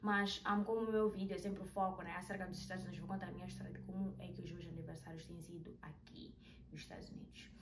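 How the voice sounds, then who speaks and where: A woman in her 20s vlogs a personal story, chatty and animated with hand gestures, speaking fast in a lowish voice. She's filmed in a small bedroom with the camera some distance away, so the sound is roomy and a little distant with faint hiss.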